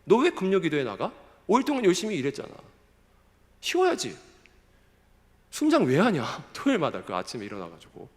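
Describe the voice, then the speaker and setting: A man's voice: a little high, huge pitch swings, fairly quick, pauses often, big-room sound. A man putting on a scoffing worldly young guy. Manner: scoffing, mocking tone. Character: teasing worldly young man mocking churchgoers.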